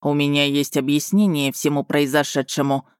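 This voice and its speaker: A man voicing a commanding wolf lord who speaks steely, calm and sardonic in an audiobook. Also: a little high, moderate pace, clean tone, dry recording, studio quality, close to an everyday voice. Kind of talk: audiobook dialogue reading.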